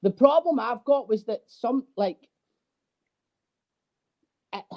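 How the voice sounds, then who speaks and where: A man, a guest drummer, telling animated, swear-filled stories in a casual interview. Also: very high voice, slow pace, vocal fry, dull audio. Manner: animated storyteller, swears freely.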